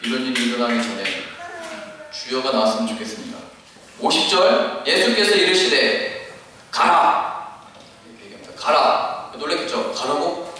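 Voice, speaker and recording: A male pastor in his thirties delivers a sermon with a bright, forceful voice, breaking into dramatic cries as he acts out biblical figures. He sounds set back from the mic in a long, echoing church hall with faint noise behind. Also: medium pitch, lively intonation, a little fast, far from the mic.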